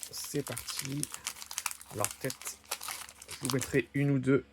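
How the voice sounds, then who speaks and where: A man talks his way through opening a box of trading card packs at an unhurried pace, naming each card as he flips it. His voice has a gravelly fry, and a faint hiss sits under the recording. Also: mid-range voice, steady tone. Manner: slow, musing, lists card names one by one. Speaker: card-opening video host. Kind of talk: casual unboxing commentary. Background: crinkling card wrappers.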